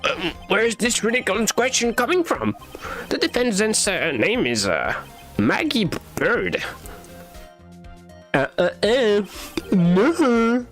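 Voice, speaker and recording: A man's voice: sits high, huge pitch swings, slow, long pauses, a bit bright, soft background music, voice pushed up, heavily acted. A man voicing a nervous male prosecutor in a video game, stammering and hesitant. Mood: flustered.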